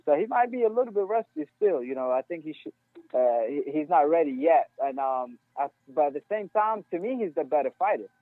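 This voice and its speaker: A man's voice: a little high, expressive, fairly quick, no echo. Man on a tinny phone line, hesitant. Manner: hesitant, searching for words. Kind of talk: casual sports talk.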